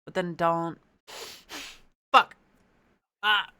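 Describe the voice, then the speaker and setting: A man's voice: high-pitched, fairly even intonation, extremely slow, sharp tone, clean tone. A man reading a storybook aloud and chatting casually, with a playful, sweary manner. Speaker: amateur book reader. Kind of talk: casual chat and storybook narration.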